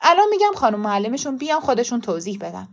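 Read by a woman, a school principal chooses his words with care, formal and apologetic. The voice is high for a man and stays close to the reader's own. It is told as a storybook reading. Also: big pitch swings. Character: polite, careful male school principal.

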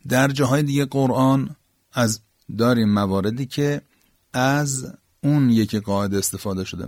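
Male teacher, low pitch, dry recording, calm patient explainer. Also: no room sound. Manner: calm explaining, pauses with fillers. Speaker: Quran teacher. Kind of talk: explanatory lesson on Arabic grammar.

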